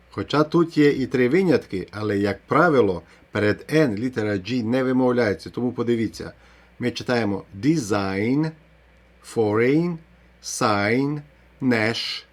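A man teaching an English pronunciation lesson, explaining the rules step by step and pronouncing English example words. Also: medium pitch. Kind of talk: video lesson.

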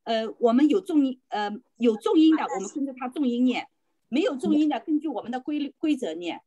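A woman teaches a beginners' class over a video call. She speaks in a fairly high, very animated voice. She patiently corrects pronunciation and keeps checking that her students understand. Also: fairly quick, lo-fi sound. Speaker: volunteer Spanish teacher. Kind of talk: online beginner language class.

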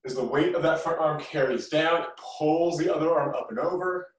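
A middle-aged martial arts teacher, voice a little high and pace moderate, guides a live kung fu class through brief commands and encouraging feedback. He's in a medium-sized living room, heard distantly through a camera across the room with noticeable echo.

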